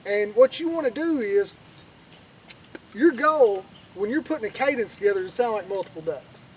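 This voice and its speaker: High-pitched man teaching, outdoors. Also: animated, moderate pace. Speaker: duck calling instructor. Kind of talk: informal outdoor tutorial, conversational teaching. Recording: distant mic outdoors, faint background noise.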